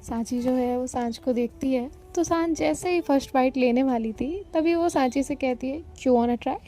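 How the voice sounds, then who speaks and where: A woman narrates a romance audio story in a steady, even manner. Her voice is high-pitched but dark and mellow in tone, over faint background music. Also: moderate pace.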